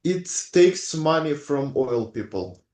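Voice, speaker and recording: Halting male student, echoey room sound. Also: fairly high pitch, animated, a little mellow. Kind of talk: casual class discussion in English. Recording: roomy, echoing sound.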